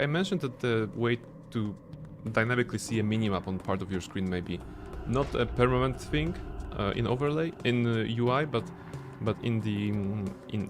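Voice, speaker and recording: A man's voice: on the low side, noisy background. A man streaming a game, chatting casually and rambling with frequent restarts. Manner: rambling, restarts words, chuckles. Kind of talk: casual gameplay commentary.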